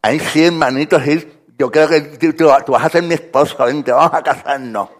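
A man putting on a toothless old church lady with a sweet, wheedling tone, pitched lower and softer than his usual bright voice. She teases playfully and coaxingly, told as part of a sermon story. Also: normal speed, close to an everyday voice. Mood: teasing.

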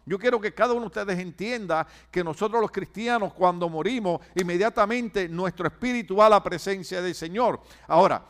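A man preaching as a pastor, drawing out key phrases slowly and having the congregation repeat words back to him. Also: sits high. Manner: preaching with call-and-response to the congregation. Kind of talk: sermon.

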